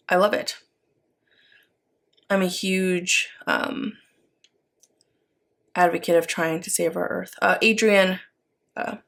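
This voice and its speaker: A woman's voice: lowish voice, gravelly, a bit bright. A woman with an American accent chatting casually as she works, rambling and thinking aloud as a craft vlogger. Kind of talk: casual chat while working.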